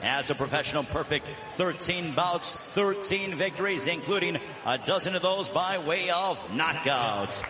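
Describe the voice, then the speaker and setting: A man working as a boxing ring announcer, with lucha libre flourishes and drawn-out, shouted names. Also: a little high, animated. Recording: echoey arena with loud crowd.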